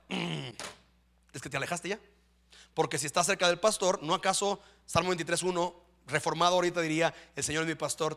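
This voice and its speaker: A man's voice: fairly high pitch, pushed and bright. A man preaching a sermon in church, often checking in with his listeners. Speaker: pastor.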